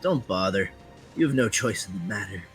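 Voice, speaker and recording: A man voicing an arrogant male spear-wielding villain who cannot die, in a put-on gravelly voice, for a fan reading of a game story. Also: fairly low pitch, animated, normal speed, fairly bright tone, soft background music. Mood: menacing.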